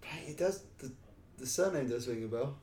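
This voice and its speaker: A man's voice: medium pitch, expressive, brisk, darkish tone, recorded from a distance. A man with an English accent co-hosting a casual sports podcast, easygoing and laughing along. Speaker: podcast co-host. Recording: echoey room, off the mic.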